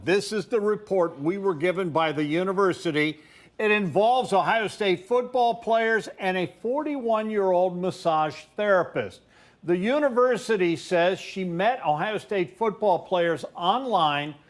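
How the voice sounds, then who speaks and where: A sports reporter delivers a television news report in a measured, scripted manner. He is a man with a notably high voice.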